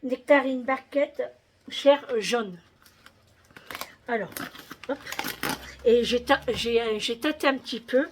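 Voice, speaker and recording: A woman's voice: on the high side, takes it slowly, pauses often, a little hiss or hum. A woman vlogger chatting casually about her shopping haul, with many hesitations and repeated words.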